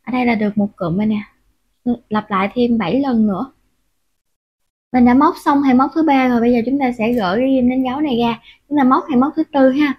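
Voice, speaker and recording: Soft-spoken woman teaching crochet. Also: on the high side, a little fast, husky. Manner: patient, counts stitches aloud, many filler sounds. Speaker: crochet instructor. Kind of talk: step-by-step crochet tutorial. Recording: dull, muffled lo-fi audio.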